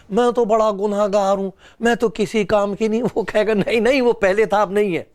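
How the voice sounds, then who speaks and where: Male preacher, high-pitched, earnest sermon delivery with strong rises and falls. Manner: earnest, pleading preaching with rising and falling emphasis.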